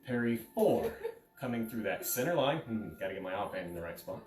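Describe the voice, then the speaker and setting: A man's voice: on the low side, lively intonation, fairly quick, darkish tone, soft background music. A man in his thirties explaining fencing technique in a casual, informal instructional style. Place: carpeted living room. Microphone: camera several steps away. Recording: echoey room, distant from microphone.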